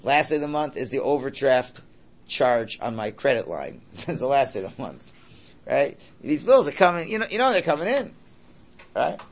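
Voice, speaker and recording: A man with a creaky, gravel-edged voice teaches religion informally. His pitch swings up and down in a lively way as he repeats each point. He throws out rhetorical questions and keeps checking in with his listeners. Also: moderate pace. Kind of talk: informal Torah lesson, translating and explaining a text.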